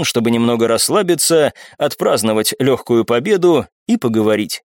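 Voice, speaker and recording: A man's voice: mid-range voice, no echo. Man narrating an audiobook, dry sound. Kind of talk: scripted first-person narration.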